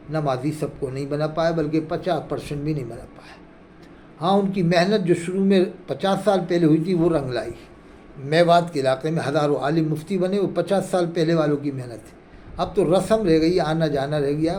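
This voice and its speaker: Man, religious lecture, earnest preacher, high-pitched voice, faint background hiss. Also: normal speed, darkish tone. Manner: earnest, reproachful, full of rhetorical questions. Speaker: Islamic preacher. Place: India.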